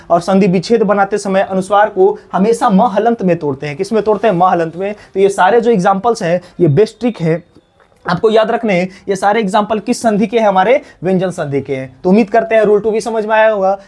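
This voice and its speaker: A man's voice: high-pitched, a little mellow. Man teaching, quizzing and answering himself. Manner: asks questions and answers them himself, repeating key words. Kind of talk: exam-prep grammar lesson.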